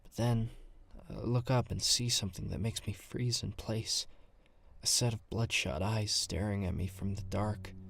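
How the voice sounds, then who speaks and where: A man playing a low, husky nervous survivor. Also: steady tone, a little slow, a bit bright, exaggerated voice. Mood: uneasy. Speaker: first-person narrator. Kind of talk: audio drama narration.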